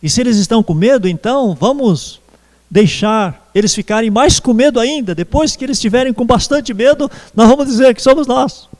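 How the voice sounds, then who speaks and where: A man preaching a sermon as pastor, slow and measured with pauses. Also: very high voice, expressive, a little mellow, long reverb tail. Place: church.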